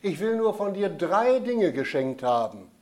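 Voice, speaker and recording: A man voicing a gentle, patient holy child in a storybook tale, speaking softly and calmly. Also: unhurried. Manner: soft, low, calm and explaining.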